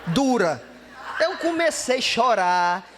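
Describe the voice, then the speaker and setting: A man telling a story in stand-up comedy, lively and acting out the dialogue. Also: very high voice, takes it slowly, a faint crowd.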